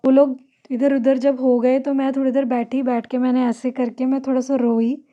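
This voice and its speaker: A woman's voice: sits high, flat delivery, moderate pace, muffled recording. A young woman, chatting casually to camera in her bedroom and slipping English words into her talk. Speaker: vlogger.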